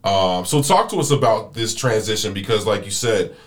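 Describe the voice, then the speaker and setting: A man's voice: lowish voice, expressive, normal speed. A man hosting a casual interview, asking loose, rambling questions with repeated words. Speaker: interview host.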